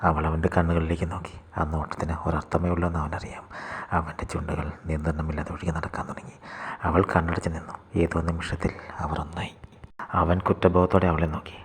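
Man, storyteller, deep gravelly voice, fast, long reverb. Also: level tone. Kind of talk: short story narration.

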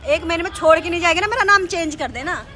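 A woman's voice: very high-pitched, fast talker. A woman vlogger arguing heatedly and pleading in a prank video, recorded outdoors. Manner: argumentative and pleading. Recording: outdoor street noise.

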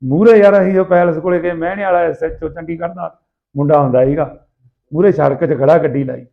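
Tinny-sounding Punjabi man, high-pitched earthy banter. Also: fairly quick. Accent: Malwai Punjabi. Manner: rough, earthy, animated banter, acting out people's dialogue. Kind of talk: casual anecdotal storytelling. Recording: tinny, phone-like narrow sound.

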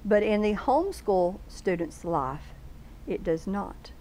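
A woman's voice: medium pitch, expressive, slow, warm tone, slight background noise, rough recording. A woman, a guest on a local TV talk show, explaining things earnestly and laying out long lists of questions in a studio. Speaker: homeschool bookstore guest. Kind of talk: casual TV interview chat.

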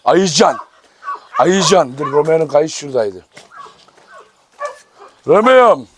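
A man with a slightly high voice hosts a casual vlog outdoors on a dog farm. He talks fondly and coaxingly to his animals between remarks to viewers. Loud barking dogs and outdoor noise fill the background. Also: animated, takes it slowly.

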